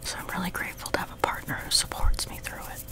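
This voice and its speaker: A young adult man hosting ASMR, rambling in a close whisper right into the listener's ear on a sensitive microphone. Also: fast. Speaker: ASMR video host. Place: small room at home, seated on a love seat. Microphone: sensitive high-gain close microphone.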